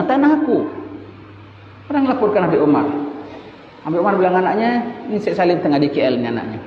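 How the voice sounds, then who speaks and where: A man giving a sermon, telling stories lively and acting out the voices of the people in them. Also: on the high side. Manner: lively storytelling, acts out dialogue in shifted voices. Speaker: religious teacher. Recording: echoey hall, dull lo-fi sound with faint hiss.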